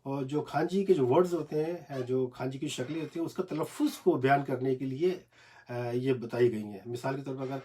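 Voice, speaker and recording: A man teaching Japanese script in a casual, halting home video lesson, recorded on a phone in a small cramped room. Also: medium pitch, dark tone, breathy edge. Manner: hesitant, many fillers, repeats syllables slowly.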